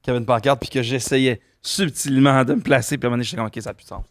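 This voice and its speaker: A man's voice: medium pitch, fairly even intonation, very fast, no echo, clean studio sound. A man with a Québécois French accent co-hosting a podcast in a chatty way. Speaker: podcast co-host. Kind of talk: casual podcast chat.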